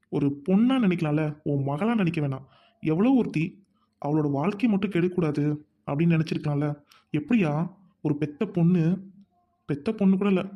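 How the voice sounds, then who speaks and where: A performer playing a calm young husband who soothes his wife and reproaches her uncle in an amateur drama skit. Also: mid-range voice, muffled recording, lightly acted. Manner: soothing, restraining, then reproachful.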